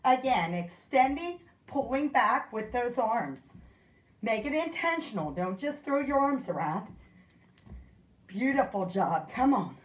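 A woman's voice: a little high, big pitch swings, unhurried. A woman fitness instructor leading a kickboxing workout, counting out moves and calling out encouragement, out of breath. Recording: echoey room.

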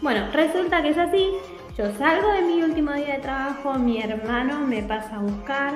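A woman in her forties with an Argentine Spanish accent, telling her story to camera in a casual, animated vlog from a small room at home. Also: high voice, normal speed, reverberant, faint music behind, poor audio. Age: 40s. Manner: animated, chatty, gestures a lot with her hands. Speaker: vlogger.

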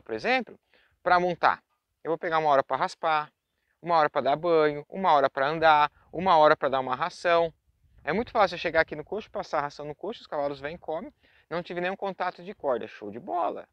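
This Brazilian horse trainer talks fast in a high-ish voice with lively intonation, addressing viewers directly and chattily while teaching horse handling outdoors in a pasture. He has a Brazilian Portuguese accent and uses plenty of tag questions. The recording has no room sound but is muffled.

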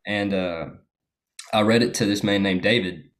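Speaking at a normal speed in a fairly low pitch, a young American guest relaxes into a casual story. Fillers crop up constantly as he chats.

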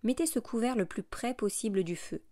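A woman reading a kind, gentle older male bishop who speaks softly and calmly in an audiobook. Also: a little high, brisk, no room sound, studio quality, lightly acted. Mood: gentle, welcoming.

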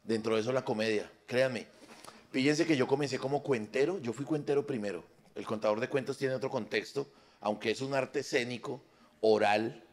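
A man's voice: mid-range voice, brisk. A man with a Colombian accent doing improvised stand-up storytelling on a live stage, crude and swearing. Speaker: stand-up comedian. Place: comedy stage at a live show.

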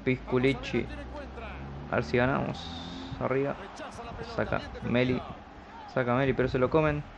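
A man's voice: medium pitch, level tone, measured pace, gravelly. A man with an Argentine accent giving casual, colloquial football commentary on a video game he is playing, cheering on his players. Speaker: YouTube gamer commentating his own match. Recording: dull lo-fi audio with loud noise.

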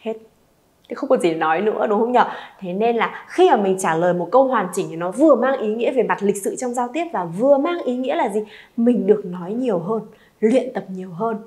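A woman's voice: mid-range voice, lively intonation, a little fast, darkish tone. A woman, teaching a beginner Chinese lesson and coaxing students to repeat aloud.

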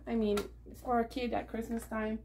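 A middle-aged woman with a slightly high voice rambles casually to a camera sitting nearby in her living room. She talks with lots of fillers and asides, and a faint hiss sits under the recording. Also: little pitch movement, moderate pace. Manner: chatty and rambling, with many fillers and laughs. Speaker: vlogger showing a thrift haul. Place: living room at home, indoors. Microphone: camera on a table nearby.

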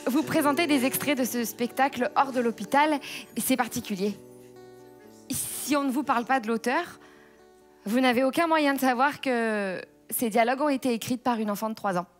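A woman speaking on a theatre stage in a calm, reassuring way. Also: sits high, normal speed, faint music behind. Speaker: stage actress.

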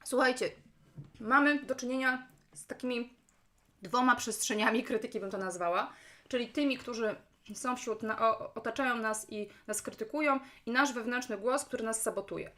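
A woman's voice: on the high side, normal speed, a bit bright. A woman with a chesty cough, chatting casually to viewers on a live stream and often addressing them directly. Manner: chatty, repeatedly checking in with questions to listeners. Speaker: live-stream host, business coach and speaker. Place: at home, indoors.

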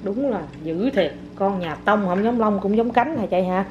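A woman's voice: mid-range voice, normal speed, highs cut off. A woman, a mother playfully teasing and exclaiming while she films her child at home. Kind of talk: casual home vlog. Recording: noisy home phone recording.

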